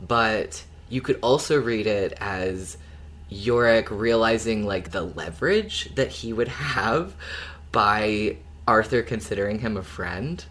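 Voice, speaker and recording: This co-host's mid-range voice has lively intonation and a fairly bright tone, moving slowly with a little hiss or hum in the background. It's loose, rambling podcast chat about an audio drama, sprinkled with the odd swear word.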